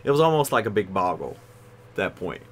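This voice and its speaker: A man's voice: low voice, very animated, brisk, slight background noise. A man hosting a casual card review video, tired and yawning as he rambles along with frequent fillers. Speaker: card game video host.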